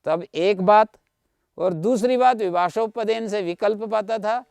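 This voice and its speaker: A man lecturing on grammar in a high, smooth, clear voice with a gravelly edge. He explains patiently, goes over each point more than once and stops to check whether his students follow. The sound is dry and close. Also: a little slow, darkish tone, dry recording. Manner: patient, repeats points, checks understanding with listeners. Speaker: Sanskrit grammar teacher. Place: online video class.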